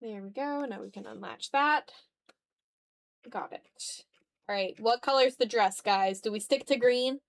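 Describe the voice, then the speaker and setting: A woman with a gravelly, rather high voice speaks at a measured pace while drawing on a livestream. The digital artist's casual chat is slangy and playful, directed half at herself and half at the people watching.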